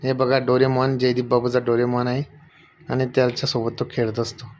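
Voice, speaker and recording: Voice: mid-range voice, monotone, fairly quick, darkish tone, slight background noise. An adult family vlogger filming at home, coaxing a small child with patient, repeated questions and talking to viewers. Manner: addresses viewers directly. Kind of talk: casual home video chat.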